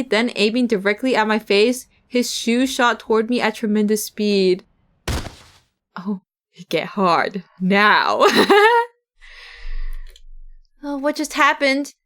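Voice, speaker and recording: Streaming a visual novel, a young woman voices its text with lots of giggles and energy, cursing without restraint. Her voice sits on the high side with a clean tone.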